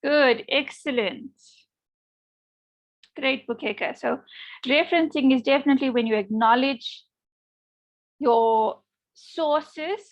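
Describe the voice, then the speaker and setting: A woman's voice: high voice, highs cut off. A woman lecturer giving an online class, encouraging students and often checking in with "okay?".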